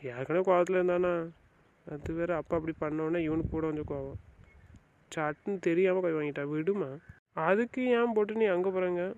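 A man's voice: sits high, a little fast, darkish tone. An actor playing a remorseful young husband who begs his wife not to leave, in a melodramatic drama with slightly dull sound. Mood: coaxing. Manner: begging, soothing, insistent. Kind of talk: melodramatic family drama acting.

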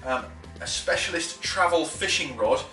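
In his thirties, a fishing instructor gives an animated, casual tackle tutorial to camera at a wooden table in his living room, full of fillers and restarts. His voice sits on the high side, bright and forward, at a moderate pace. The camera is a few feet away, so the sound is echoey and a little distant, with faint music underneath.

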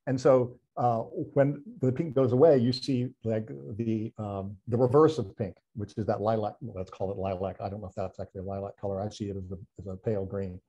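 A man with a husky, mellow voice talks through a presentation over a video call. His delivery is chatty and self-deprecating, full of restarts and little fillers as he thinks aloud. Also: lowish voice, steady tone, fairly quick, few pauses, lo-fi sound. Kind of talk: casual online talk presentation.

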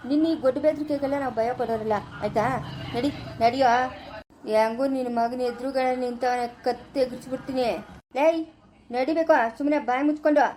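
A woman's voice: high-pitched, warm tone, slight background noise, close to an everyday voice, poor audio. Woman playing a bullying village thug. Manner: gruff, commanding threats. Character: menacing male village thug, bullying and loud. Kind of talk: village family skit acting.

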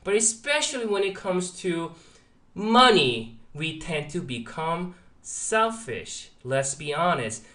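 Narrating over a screen recording, this male market analyst and trading-update host talks slowly in a fairly high, very animated, pushed and bright voice. His chart commentary is casual and emphatic, dotted with rhetorical check-ins, and a sore throat and sinus trouble leave him slightly congested.

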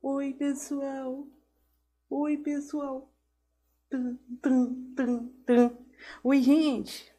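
A woman voicing a grumpy, antisocial child puppet, greeting in a squeaky sing-song. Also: flat delivery, extremely slow, long pauses, dark tone. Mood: playful.

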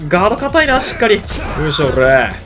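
A man casually commentating a video game he is playing, reacting excitedly and grunting along with the fights. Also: sits high, fast. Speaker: game streamer. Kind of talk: casual let's-play commentary. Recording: game audio with music behind.

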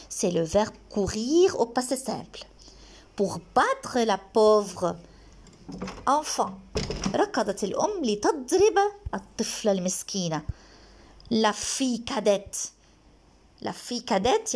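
Lively woman teacher. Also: a little high. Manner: slow, repeated dictation of French lines followed by quick Arabic glosses. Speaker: language teacher. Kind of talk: bilingual lesson explaining a text.

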